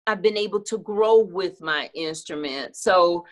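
Speaking at a measured pace in a fairly low voice, a middle-aged woman who sings gives a casual interview over a video-call webcam. She's candid, reflective, and quick to laugh, sitting in a home room that has a clothing rack.

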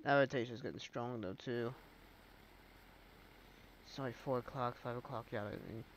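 Young male game streamer, congested and drowsy, mid pitch, faint game sounds underneath. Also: normal speed, a little hiss or hum. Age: young adult. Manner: laid-back, bursts into excited shouts at action. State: stuffed up, sleepy. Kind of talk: live gameplay commentary.

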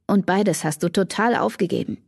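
A woman's voice: mid-range voice, animated, normal speed, vocal fry, darkish tone, breathy edge, dry recording. A woman voicing a cocky, teasing teenage boy in an audiobook, read with a dry, close sound. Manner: teasing, smug.

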